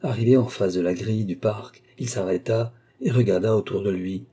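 A man reads a classic novel aloud, measured and dramatic. His voice is low and mellow, with a husky edge. It is steady scripted audiobook narration. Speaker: audiobook reader.

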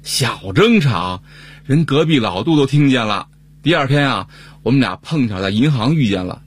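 Male co-host, husky tone, animated comic storyteller. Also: medium pitch, normal speed. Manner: comic storytelling, acting out a neighbor's lines. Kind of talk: scripted comic banter.

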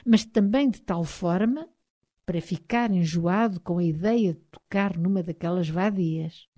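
A woman with a European Portuguese accent voicing an angry, proud young Highland husband, speaking emphatically with a raised voice. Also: a little slow, mellow. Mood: heated.

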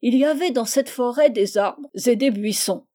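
Old male schoolmaster, lecturing and fussy, a woman puts him on, mellow voice, storybook reading. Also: fairly high pitch, moderate pace, close to an everyday voice. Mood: approving. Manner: coaxing, then exasperated, lecturing.

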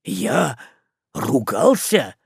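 A stern, gloomy sea captain, as a male reader puts him on, speaking low and curt. His voice is gravelly and slow, with a dry, close sound. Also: sing-song, dry recording, exaggerated voice.

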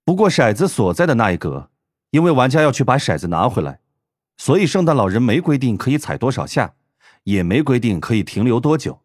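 A man narrating an audiobook in expressive, wide-ranging storytelling. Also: mid-range voice, a little fast, dry recording, clean studio sound. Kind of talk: scripted narration.

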